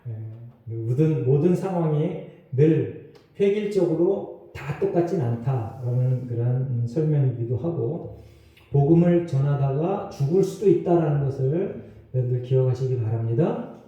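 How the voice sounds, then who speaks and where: A man's voice: medium pitch, animated, normal speed, dark tone, dull audio. A man preaching a sermon as pastor, talking in a loose conversational way with asides and small laughs. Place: church sanctuary. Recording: roomy echo, mic far off.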